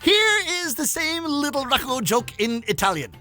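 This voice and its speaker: Speaking at a normal pace in an extremely high-pitched voice, this Canadian man performs rakugo, bantering with viewers between brief comic stories. His delivery is lively and playful as he alternates between narrating and voicing characters.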